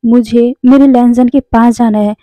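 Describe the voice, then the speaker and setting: Impulsive young man, storybook reading, quick-tempered, pleading, woman reading him, dry close sound. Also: on the high side, fairly even intonation, warm tone, no room sound, close to an everyday voice, poor audio. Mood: angry, pleading. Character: impulsive young man searching for a loved one.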